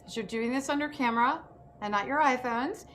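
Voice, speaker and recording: A woman runs a relaxed online workshop on acting self-tapes, speaking enthusiastically as she instructs via video call from indoors. She talks briskly in a high, slightly bright voice, with background noise on the call.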